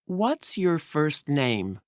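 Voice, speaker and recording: A woman reading questions in a scripted English lesson, in a deliberate manner. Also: low voice, very animated, no echo, studio quality. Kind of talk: slow scripted lesson dialogue.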